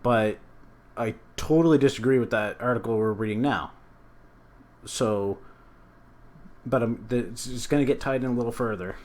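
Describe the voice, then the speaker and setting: A man in the middle pitch range hosts a casual news commentary show. His delivery is loose and rambling, and he often restarts his sentences as he goes. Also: normal speed, pauses often, darkish tone. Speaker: show host.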